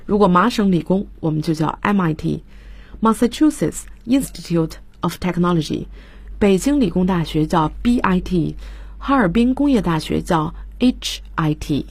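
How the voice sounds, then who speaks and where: Husky woman teaching English vocabulary. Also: on the low side, animated, normal speed, darkish tone, dry recording. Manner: explains words, spells them out letter by letter. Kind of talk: radio English lesson. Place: radio studio.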